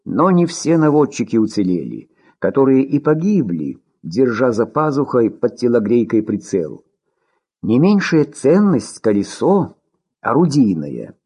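A man reading war prose aloud as an audiobook narrator, in an expressive storytelling manner. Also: mid-range voice, measured pace, husky.

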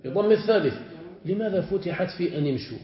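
A man's voice: sits high, animated, fast, a crowd in the background. A man teaching a classroom grammar lesson as a sheikh. He repeats word forms aloud and keeps checking whether his students follow. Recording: roomy, dull lo-fi classroom recording.

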